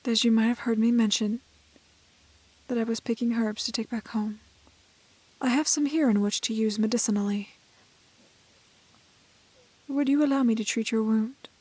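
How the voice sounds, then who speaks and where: Playing the same sort of prim, plucky and kind-hearted fairy-tale heroine, a woman speaks softly and tenderly, her tone reassuring and steady as she uses proper, old-fashioned wording. Her voice sits on the high side with a breathy edge, moving at normal speed with long pauses and no echo, in this romantic fantasy audio roleplay.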